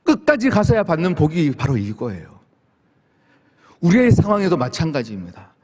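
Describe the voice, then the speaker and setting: A man's voice: a little high, huge pitch swings, normal speed, a little mellow. A man preaching as pastor at a dawn prayer service, acting out heartfelt questions to God in the first person. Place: church sanctuary. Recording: long hall reverb from the sanctuary.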